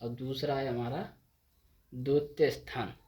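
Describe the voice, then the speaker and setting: A man's voice: medium pitch, little pitch movement, measured pace, darkish tone. Guy teaching shorthand, mid voice, keeps repeating and asking then answering himself. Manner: repetitive, asks and answers his own questions. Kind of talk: board lesson explaining step by step.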